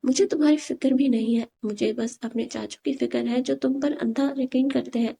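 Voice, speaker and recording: A woman's voice: high-pitched, fairly even intonation, creaky, mellow. A woman voicing a blunt, protective young man in an audiobook story, talking firmly and plainly. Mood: stern.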